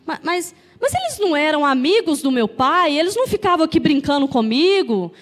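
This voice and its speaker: A woman's voice: high voice, big pitch swings, fairly quick. A woman voicing a bewildered young boy. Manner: pleading, bewildered questioning. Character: frightened eight-year-old boy king.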